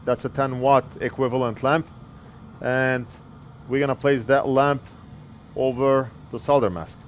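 Working at an electronics repair bench indoors, a technician in his forties talks through the job step by step in a plain, explanatory way. He speaks a little slowly in a steady, mid-range voice, picked up by a wired earpiece headset mic with slight hiss or hum.

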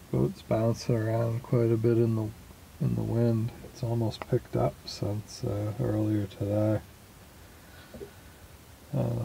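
Unhurried man on a boat, dark rumbly voice, pauses and fillers, filmed in the cabin. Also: gravelly, slight background noise, rough recording. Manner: slow, halting, many fillers. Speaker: small boat sailor vlogging. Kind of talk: casual spoken log. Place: small boat cabin at anchor, candlelit.

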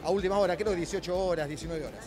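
A man's voice: high voice, very fast, over music. A middle-aged man with an Argentine accent, a company director giving a trade-show interview in a busy expo hall, explaining at length with frequent hesitations and restarts. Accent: Rioplatense Spanish. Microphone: handheld mic held by interviewer.

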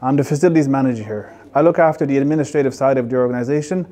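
A man's voice: mid-range voice, racing, warm tone. Irish man guiding a tour. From Ireland. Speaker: facilities manager. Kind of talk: guided tour talk. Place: indoor centre halls.

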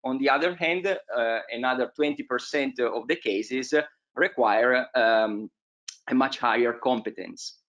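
A young man giving an online presentation on periodontal treatment, pausing often with filler sounds. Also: medium pitch, fairly bright tone, muffled recording. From Italy. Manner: hesitant, many filler sounds. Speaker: periodontology lecturer.

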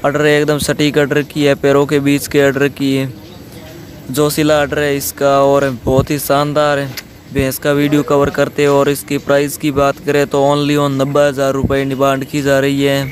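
A man's voice: mid-range voice, monotone, moderate pace, a little hiss or hum. A man hosting a farm video, walking through a dairy yard and talking in repetitive sales patter about buffalo for sale. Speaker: channel host showing buffalo for sale. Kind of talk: video tour commentary.

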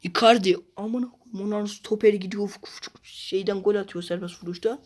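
Guy raging at a football game, swears every other word, mutters the same thing again and again, then yells out loud. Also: high-pitched, fairly even intonation, a little fast. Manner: constantly swearing, exasperated, muttering and bursting into shouts; repeats the same phrase over and over. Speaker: gamer playing a football video game. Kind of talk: casual gameplay commentary.

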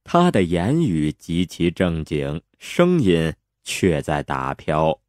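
A man with a deep, low voice narrates a romance novel in a scripted reading. His delivery is playful, with a widely varying pitch. The recording is dry and close. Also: wildly swooping pitch, takes it slowly, a little mellow, dry recording.

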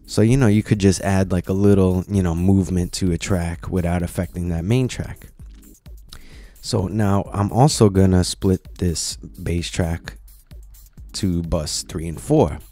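A man casually explaining software steps one at a time in a screen-recorded tutorial, with lots of "you know"s. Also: low voice, a little slow, soft background music. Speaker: tutorial presenter.

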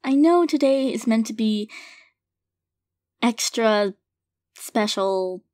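Speaking in a slightly high voice with lively intonation, a woman plays a loving, hesitant girlfriend in an intimate audio roleplay. She addresses her partner in a casual monologue, soft-hearted and halting yet gently sincere. The recording carries no room sound.

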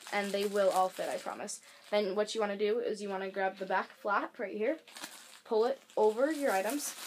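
A rambling young beauty and advice vlogger with a mid-range voice demonstrates a product casually, stuffing her talk with fillers and frequently correcting herself. Faint hiss from an air conditioner sits under the camera mic recording.

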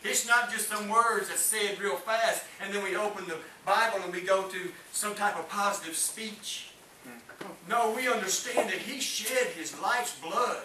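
Pushed and bright, the high-pitched voice of a middle-aged man carries a fervent Pentecostal-style sermon at a measured pace, rising and falling as he calls for amens. He preaches to a small congregation in a church hall, captured by a distant camera, no mic seen, in an echoey room with faint hiss.

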